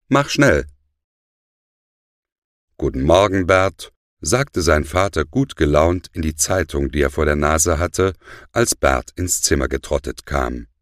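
A man reading a children's story aloud as narrator, expressive and lightly voicing the characters. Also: a bass voice, no echo, clean studio sound.

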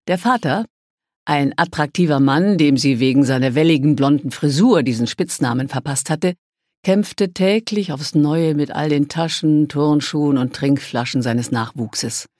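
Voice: medium pitch, unhurried, a little mellow, no room sound, clean studio sound. An audiobook narrator reading a novel aloud in a lightly amused storytelling manner.

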